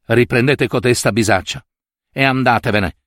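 A man's voice: mid-range voice, normal speed, fairly bright tone, dry recording, studio quality, close to an everyday voice. A man voicing a priest who scolds sharply and dismissively. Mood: furious. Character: young priest, indignant and stern.

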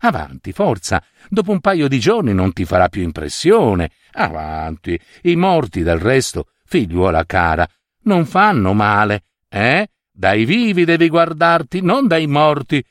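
A man reading aloud and voicing a group of older village women who briskly reassure a young girl. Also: mid-range voice, big pitch swings, dry recording, studio quality. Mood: reassuring.

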